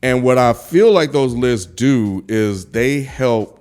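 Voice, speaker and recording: A man's voice: medium pitch, animated, slow pace, darkish tone, faint music behind. A man co-hosting a casual hip-hop podcast roundtable, speaking bluntly and with strong opinions. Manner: blunt, opinionated, self-described grumpy critic. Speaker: podcast co-host.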